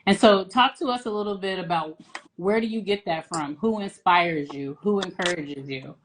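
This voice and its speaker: A woman's voice: on the low side, normal speed, a little hiss or hum, poor audio. A woman hosting a casual interview, encouraging and affirming her guest. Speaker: interview host.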